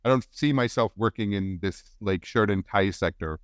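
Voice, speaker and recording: A man in his forties from India, a guest on a podcast, telling his story in a relaxed, rambling way with many restarts. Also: fairly low pitch, moderate pace, no room sound, studio quality. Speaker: guest film editor. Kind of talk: casual podcast interview.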